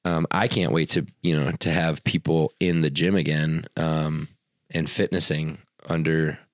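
A man's voice: extremely low pitch, little pitch movement, a little slow, dry recording, studio quality. A man co-hosting a podcast, a fitness coach chatting casually with plenty of fillers and restarts. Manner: rambling, many fillers and restarts. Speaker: podcast co-host. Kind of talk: casual chat.

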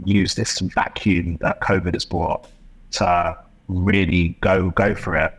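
Low, husky-voiced man. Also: level tone, slow, rough recording. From West London, England. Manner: reflective, impassioned, talks in long rambling runs with restarts. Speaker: podcast guest, entrepreneur. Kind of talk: casual interview chat.

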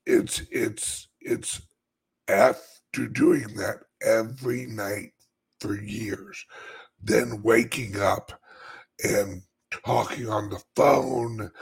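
A man with a dry, scratchy voice like a smoker's rasp, chatting casually and haltingly to his viewers in a rambling way. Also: lowish voice. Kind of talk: casual live chat.

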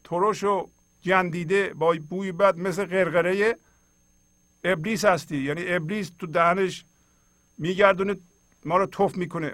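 A middle-aged man gives a spiritual lesson, reading lines of poetry and explaining them in plain everyday speech. His voice sits a little high for a man. He urges his listeners directly and earnestly, and the sound is close and dry, with no room echo. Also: a bit bright. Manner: earnest, exhorting, speaks straight to listeners; colloquial, reads and explains verses. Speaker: host.

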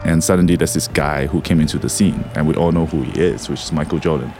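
Low-voiced middle-aged man from Singapore. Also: fast talker, music in the background. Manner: reflective, repeats words when thinking. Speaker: podcast guest. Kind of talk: casual interview.

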